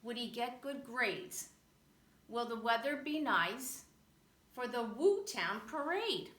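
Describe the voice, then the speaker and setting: A woman reads a children's rhyming picture book aloud with animated, rhythmic expression, her bright, high-leaning voice taking each phrase slowly. The room gives her storybook reading a noticeable echo, with faint background noise.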